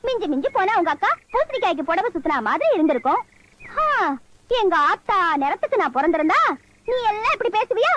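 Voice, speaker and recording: A woman's voice: very high-pitched, very animated, noisy background. A teasing bossy village woman. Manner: quick-tongued, mocking, scolding. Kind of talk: film comedy acting.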